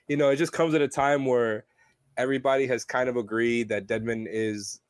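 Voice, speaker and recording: A man's voice: mid-range voice, dry recording. Stuffy-nosed man, dry close sound. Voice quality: nasal. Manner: hedging, restarts often. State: stuffy nose from a cold. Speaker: podcast co-host covering the team. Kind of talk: casual sports podcast chat.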